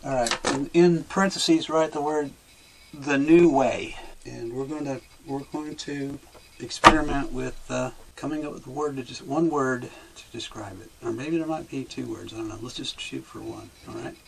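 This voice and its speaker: Male session monitor, gravelly voice, coaxing, prompting tone. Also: medium pitch, normal speed, background noise. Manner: coaxing and prompting, with light laughter. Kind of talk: guiding a session.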